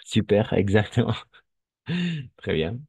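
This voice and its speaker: A man's voice: lowish voice, big pitch swings, slow, creaky, a little mellow, husky, no room sound. A man teaching a French lesson to Spanish speakers, patient and repetitive, checking often that students understand.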